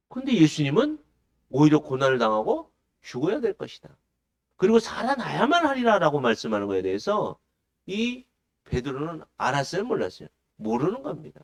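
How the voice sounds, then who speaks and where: A male pastor preaching a sermon. He puts questions to the congregation and answers them himself. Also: sits high. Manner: acts out the disciples' pleading in a raised voice.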